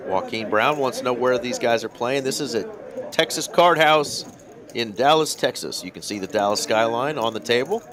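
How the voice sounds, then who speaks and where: A man giving relaxed, chatty color commentary on a live poker stream, reading out viewer comments. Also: mid-range voice, normal speed, a crowd in the background. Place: poker card room broadcast desk.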